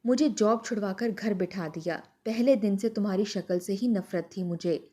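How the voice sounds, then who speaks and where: A woman's voice: medium pitch, lightly acted. A woman voicing a scornful young wife who talks back sharply in a storybook tale. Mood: defiant. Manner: sharp, defiant.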